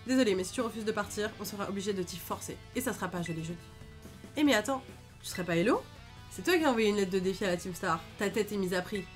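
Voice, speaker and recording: A woman's voice: mid-range voice, lively intonation, fast, soft background music, lightly acted. A woman voicing a cocky young female gang grunt in a game, with a bratty, mocking put-on accent. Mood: threatening.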